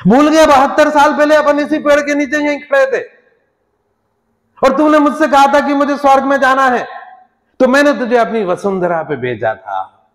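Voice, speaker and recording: God as a stern, scolding male judge of souls, as a male speaker plays him in a story told to a workshop. He sounds high and firm, and his voice rings through an echoey hall with a long reverb. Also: huge pitch swings, moderate pace. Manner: scolding, shouts at times.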